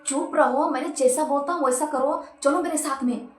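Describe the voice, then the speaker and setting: A woman's voice: sits high, normal speed, roomy sound, natural voice. A woman voicing a stern male truck driver who gives curt, commanding orders.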